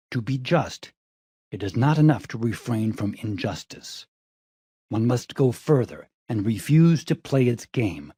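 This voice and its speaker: A man giving calm, measured audiobook narration of a reflective self-help text. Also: fairly low pitch, husky, dry recording, clean studio sound.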